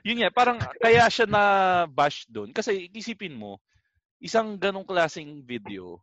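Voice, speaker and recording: A man co-hosting a casual chat, animated and joking, swearing casually. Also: high-pitched, measured pace, no room sound, muffled recording.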